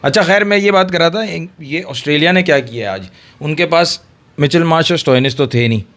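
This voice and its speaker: A man hosting a casual cricket chat, explaining tactics at length in an animated way. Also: fairly high pitch, a little fast. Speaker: cricket discussion host.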